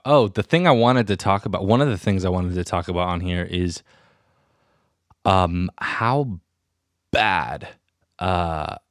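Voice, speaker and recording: A young man with a low voice hosts a solo podcast and rambles from thought to thought. He puts himself down and sounds restless. The recording is dry and close to the mic. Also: no room sound. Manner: self-deprecating, rambling, restless. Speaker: podcast host. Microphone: studio mic with headphones.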